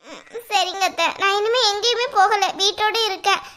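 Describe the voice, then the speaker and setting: A woman plays a meek young daughter-in-law in a cartoon. Her voice is very high and bright. She pleads softly and tearfully with her stern mother-in-law. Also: moderate pace. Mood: pleading. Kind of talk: cartoon voice acting.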